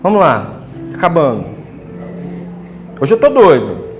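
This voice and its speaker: A man's voice: a little high, huge pitch swings, a little slow. A man preaching a sermon as pastor, joking and talking colloquially. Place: church hall. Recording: echoey church room with faint music.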